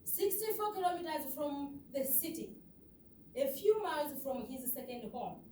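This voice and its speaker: A woman's voice: high voice, animated, normal speed, warm tone, a little hiss or hum. A woman from Uganda with a Ugandan accent, giving an earnest, emphatic conference presentation with rhetorical questions to the audience. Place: lecture hall. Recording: echoey hall, far off.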